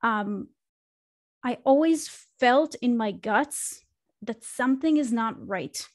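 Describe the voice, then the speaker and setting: A woman's voice: fairly high pitch, animated, slow, dry recording. A woman, a podcast guest reflectively telling her career story with fillers and restarts, speaking into a studio microphone on a video call from a small home room. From Israel. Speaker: podcast guest, marketing consultant. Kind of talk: casual interview conversation.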